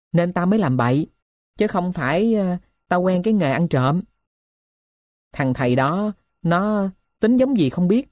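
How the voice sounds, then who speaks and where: Woman reading as a gruff poor male thief. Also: low-pitched, darkish tone, dry recording, studio quality. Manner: rough, blunt storytelling. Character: poor middle-aged male thief telling his tale.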